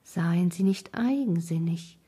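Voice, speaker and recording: A woman voicing a quiet, earnest young woman in an audiobook, speaking half-hushed with a breathy voice. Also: mid-range voice, moderate pace.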